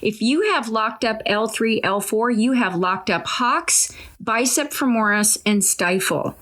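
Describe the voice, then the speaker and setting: A woman's voice: a little high, expressive, measured pace, fairly bright tone. A woman hosting an interview who tells rambling stories from her work as an equine body worker. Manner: anecdotal, rambling, acts out quoted voices. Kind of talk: casual conversational interview.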